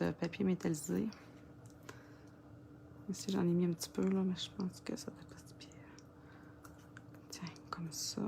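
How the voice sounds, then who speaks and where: A woman's voice: fairly low pitch, vocal fry, darkish tone, slight background noise. A woman with a Quebec French accent giving a casual crafting tutorial, chatting and muttering to herself as she works. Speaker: papercraft demonstrator.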